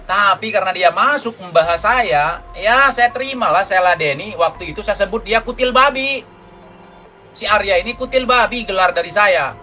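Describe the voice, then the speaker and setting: A man's voice: high voice, pushed and bright, poor audio. A man ranting in a commentary, mocking and insulting his rival with scorn.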